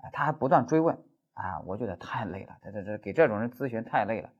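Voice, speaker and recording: A man's voice: on the low side, animated, fast talker, slightly rough, highs cut off. A man giving an exam-prep law lecture as a lecturer, telling stories animatedly with stammered repeats.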